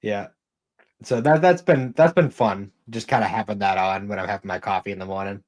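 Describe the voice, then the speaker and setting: Podcast co-host, man in his thirties, lowish voice, loose and rambling, curses freely. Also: a little fast. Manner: rambling, swears often, many fillers. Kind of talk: casual chat.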